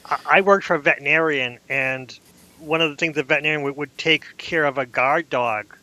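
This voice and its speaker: A man's voice: on the high side, fairly quick, sharp tone. A man in casual podcast chat, telling rambling anecdotes full of restarts. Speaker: podcast host.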